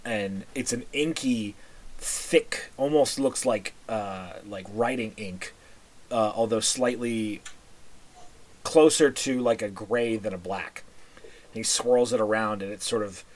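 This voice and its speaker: A man running a tabletop game, narrating scenes in a casual, halting, descriptive way. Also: lowish voice. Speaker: game master.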